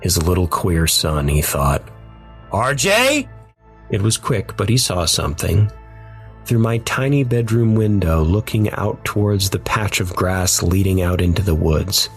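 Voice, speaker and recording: A man giving measured, somber scripted narration of a dark first-person story. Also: deep voice, faint music behind.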